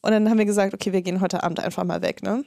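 A woman in her thirties co-hosting a podcast, telling a story in animated casual chat and swearing freely. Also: mid-range voice, racing, vocal fry, no echo, studio quality. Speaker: podcast co-host.

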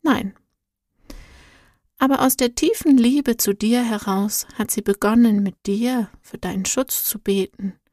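A kind guardian angel from a storybook speaks slowly and soothingly, as a woman narrator puts him on. His soft words sit close and dry, with no echo around them. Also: fairly high pitch, close to an everyday voice. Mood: gentle, reassuring. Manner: calm, soft and reassuring.

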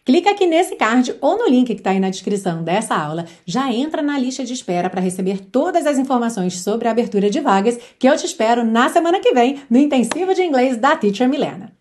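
A woman who speaks natively teaches English in a lively online lesson, energetic and sometimes singing lyric lines slowly to demonstrate them. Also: a little high.

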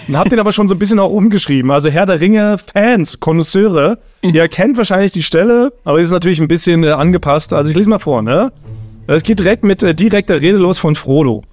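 A man's voice: sits high, animated, fast talker, darkish tone, soft background music. A man from Berlin who hosts a comedy podcast. He chats casually and teases his co-hosts with a laugh. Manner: playful, laughing, teasing. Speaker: podcast host.

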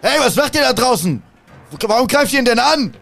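A man voicing panicking guards in a high, loud, shouting voice. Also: animated, quick pace, creaky, soft background music, full character voice. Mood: alarmed shouting. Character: panicking male guards and thugs, loud and shrill.

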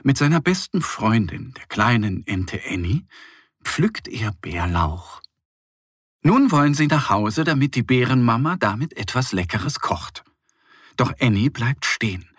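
Male storyteller for kids' audio, very animated pitch, slow, a bit husky, dry close mic. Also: no room sound. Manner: slow, very expressive, soft. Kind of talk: children's story narration.

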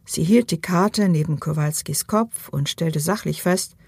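Husky woman reading an audiobook. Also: deep voice, a little slow, a little mellow, no echo. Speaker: audiobook reader. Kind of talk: audiobook narration.

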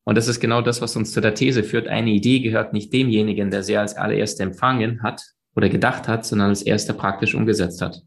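A man with a low, gravelly voice talks at length as a guest in an interview. He speaks emphatically and expansively, piling up fillers and restarts as he goes. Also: flat delivery, fast. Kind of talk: conversational interview.

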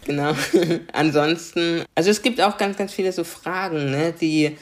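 A young adult diversity coach from Karlsruhe, Germany, explains things earnestly in a conversational interview, often tacking on a questioning "ne?". Her voice sits on the low side and moves at a moderate pace.

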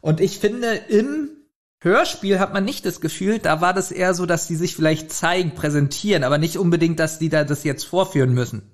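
A man's voice: fairly high pitch, lively intonation, brisk. A man co-hosting a podcast, comparing a book with its audio drama in casual, thoughtful talk that breaks into incredulous laughter. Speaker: podcast co-host. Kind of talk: casual episode discussion.

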